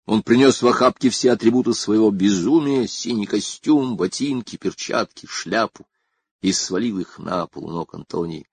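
A man with a gravelly, husky voice narrating a story in an expressive, unhurried way. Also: on the low side, dry recording.

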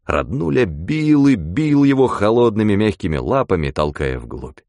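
A man with a low voice telling a story in a wry, animated way. His pitch rises and falls a great deal, and the sound is dry and close to the mic. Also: normal speed, no echo. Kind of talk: expressive story reading.

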